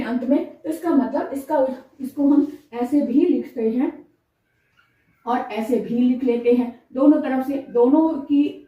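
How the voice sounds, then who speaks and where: A woman teaching a Hindi grammar lesson. She explains step by step, repeats her examples and often checks in with her listeners. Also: sits high. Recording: echoey, distant, dull mic.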